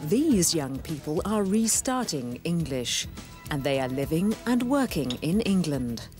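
Low, lively woman narrating a language course. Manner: clear, encouraging and deliberate. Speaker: programme narrator. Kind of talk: scripted narration for language learners. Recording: music playing behind.

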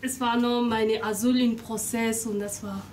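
A woman from the Democratic Republic of the Congo talks in a slightly high voice, in careful, halting German that is not her first language. Dishes and cutlery clatter clearly in the kitchen around her. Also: flat delivery, background noise. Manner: halting non-native German, laughs often. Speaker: flatmate interviewed. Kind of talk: casual conversation. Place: shared flat kitchen.

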